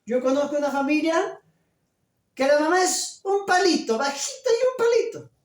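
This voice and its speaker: A pastor delivering a sermon, loud and emphatic, full of rhetorical questions. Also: male voice, extremely high pitch, sing-song, moderate pace. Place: church. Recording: echoey church from a distance.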